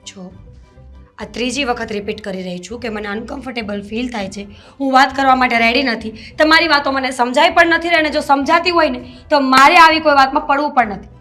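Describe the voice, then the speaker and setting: An indignant young wife, played by a woman, firm and unyielding. Her voice is high and bright, with faint music behind. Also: brisk. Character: young married woman firmly rejecting her brother-in-law. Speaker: actor in a web drama.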